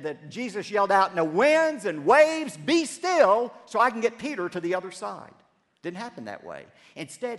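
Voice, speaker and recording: A man preaching a sermon, telling a story dramatically and rising to loud cries, then dropping low. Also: creaky, long reverb tail. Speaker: pastor.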